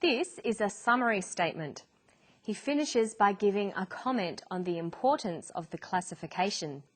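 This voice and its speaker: A woman narrating an English lesson in a clear, deliberate teaching voice. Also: medium pitch, animated. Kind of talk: scripted educational narration.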